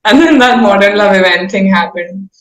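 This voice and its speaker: Talking at a normal pace in a mid-range voice, this Indian-accented woman chats as an interviewed singer-songwriter. Her manner is candid, informal and self-aware as she rambles, and the room adds a noticeable echo.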